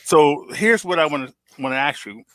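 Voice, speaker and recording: A man's voice: on the high side, expressive, moderate pace, a bit bright, dry recording. A man hosting an interview, speaking in an affirming, conversational way. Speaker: host.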